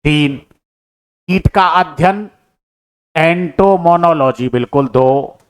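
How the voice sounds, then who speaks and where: A man with a fairly high, clean voice speaks slowly while solving an exam paper for his students, whom he calls brother. He lays out each answer step by step, asking questions and supplying the answers himself.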